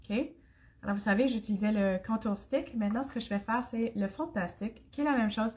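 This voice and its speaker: A young Acadian woman from Canada does a makeup tutorial while sick, her throat scratchy, speaking with an Acadian French accent. She's chatty, addressing viewers and live commenters directly, in a mid-range, darkish voice at a slightly fast pace.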